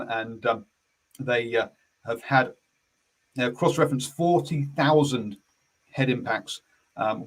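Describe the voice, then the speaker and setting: A man's voice: mid-range voice, poor audio. A man hosting a casual rugby radio chat, hesitant with many fillers and restarts. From New Zealand. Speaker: sports radio host.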